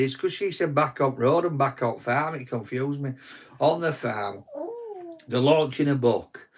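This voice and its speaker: A young Yorkshire man rambles through a live chat, teasing his partner and tripping over restarts. He sounds worn out from a short night, with a voice pitched in the middle range. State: tired from little sleep. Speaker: co-host of a live stream.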